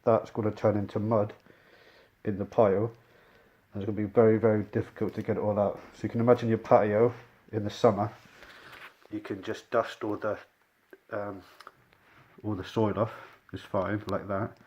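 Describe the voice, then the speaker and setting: Muffled, low, even-toned man in a mask. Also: moderate pace. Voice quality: muffled through a dust mask. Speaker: rug cleaner presenting his own work. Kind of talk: casual explainer vlog. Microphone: speaking through a dust mask. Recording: clear background noise.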